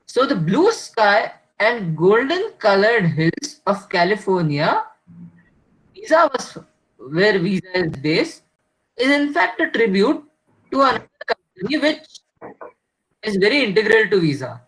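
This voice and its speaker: A man with an Indian accent hosting an online quiz over a video call. His audio is glitchy and corrupted, and it keeps breaking up and cutting out as he reads each question slowly. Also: high voice, sing-song, a bit bright, breathy edge, low-quality recording. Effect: glitchy, corrupted audio that breaks up and cuts out. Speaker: quizmaster.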